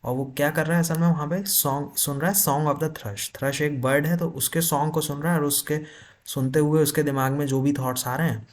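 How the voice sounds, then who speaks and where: A man teaching literature for an exam, explaining in Hindi with terms and reading notes slowly. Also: a little high, fairly even intonation. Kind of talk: exam-prep lecture.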